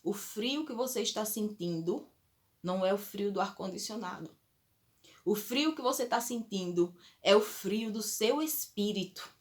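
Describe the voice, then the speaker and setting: God as a stern, patient divine voice, as a woman voices him, drawn out slowly and gravely. Each phrase comes as a measured rebuke. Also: medium pitch, close to an everyday voice. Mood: solemn.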